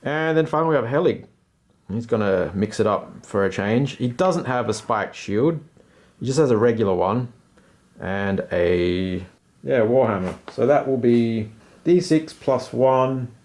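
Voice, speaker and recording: A man talks through his solo tabletop game in a casual, informal way. His voice sits at a medium pitch, and he drops in slangy, self-deprecating remarks as he goes. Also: expressive, a little slow, darkish tone.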